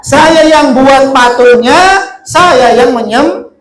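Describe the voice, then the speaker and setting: A man's voice: very high-pitched, expressive, takes it slowly, a bit bright, slight background noise, exaggerated voice. A man voicing a remorseful early convert who laughs at his own past folly, told in a self-mocking storytelling way. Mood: rueful. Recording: echoey room.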